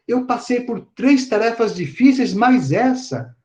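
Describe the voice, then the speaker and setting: A man's voice: extremely high pitch, lively intonation, measured pace, darkish tone, echoey room, voice pushed up. A man voicing Psyche, a lovesick young mortal woman who worries aloud and doubts herself. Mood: anxious. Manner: worried, self-doubting musing.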